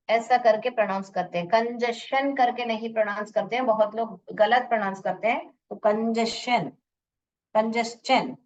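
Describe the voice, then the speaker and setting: A woman teaching English in a lesson, repeating words slowly to drill pronunciation. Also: fairly high pitch, far from the mic, lo-fi sound. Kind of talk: bilingual classroom lesson. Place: room with a board.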